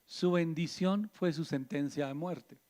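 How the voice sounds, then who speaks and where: A man's voice: fairly high pitch, unhurried, a little mellow. A man preaching a sermon as pastor, pressing the listener with rhetorical questions. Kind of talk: radio sermon.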